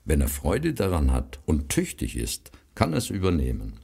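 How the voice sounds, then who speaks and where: A man's voice: rumbling low, huge pitch swings, normal speed, gravelly, breathy edge, full character voice. A man doing a kind, reassuring brother. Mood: tender. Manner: gentle, reassuring. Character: kind, warm-hearted man caring for his sister.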